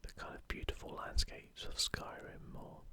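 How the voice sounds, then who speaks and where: This ASMR presenter addresses viewers entirely in a calm, gentle whisper, taking their time throughout.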